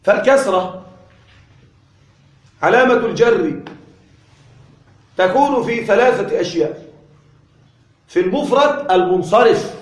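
A man teaching an Arabic grammar lesson, patiently repeating examples slowly and asking and answering his own questions. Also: high-pitched, expressive, reverberant.

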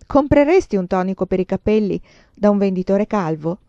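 A woman voicing a shy, devoted young man who speaks haltingly and blushes in a storybook reading. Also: sits high, lively intonation, mellow, clean tone, no echo, muffled recording. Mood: bashful. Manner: bashful, halting.

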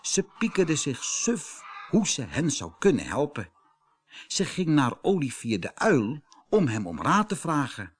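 A man narrating a children's storybook with lively storytelling intonation. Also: fairly high pitch, measured pace, breathy edge. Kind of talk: storybook reading.

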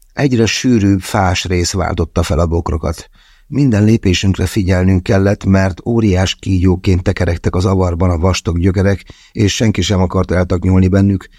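A man's voice: deep voice, mellow, slightly rough, no echo, studio quality. A man narrating a first-person novel as an audiobook, wry and conversational in his storytelling.

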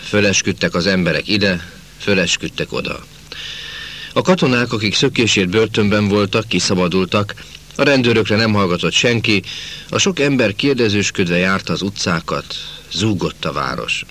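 Deep-voiced male audiobook narrator. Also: lively intonation, fairly bright tone. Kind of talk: scripted first-person novel reading.

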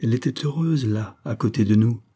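A man's voice: medium pitch, a little fast, warm tone, natural voice. A man voicing a bewildered young captain. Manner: bewildered, sad. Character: anxious young male army captain in love.

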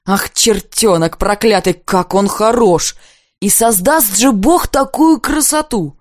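A woman reading aloud, voicing an excitable young male painter who exclaims in frantic rapture, close to tears. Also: medium pitch, slow, dry recording. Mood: frantic, rapturous.

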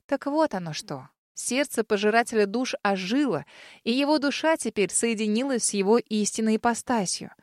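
A woman with a fairly high voice reads a first-person fantasy audiobook. Her delivery is lively and amused. The recording is dry and close to the mic. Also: normal speed, no echo. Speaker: narrator.

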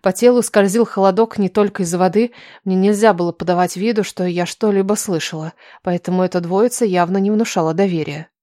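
Woman narrator for a first-person fantasy audiobook, even storytelling, dry sound. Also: mid-range voice, fairly quick, dry recording.

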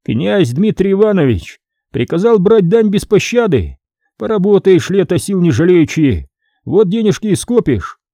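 A man voices a harsh tax scribe from old times, stern and mocking, raising the character's voice high and loud above his own reading voice. The tone is dark and mellow, the pitch swings lively, and the pace is a little slow. It's a full character voice, recorded close and dry like an audiobook, with no echo.

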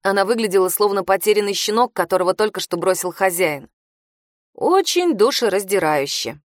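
A woman narrating a first-person novel in a wry, expressive way. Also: mid-range voice, moderate pace, dry recording, clean studio sound. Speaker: audiobook narrator.

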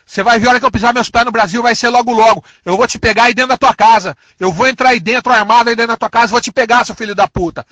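A man's voice: very high-pitched, fairly even intonation, fairly bright tone, no room sound. A man with a São Paulo accent delivering an angry, insulting, threatening rant full of repeated threats. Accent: São Paulo Portuguese. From São Paulo, Brazil. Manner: aggressive, insulting, repetitive, drawn-out threats.

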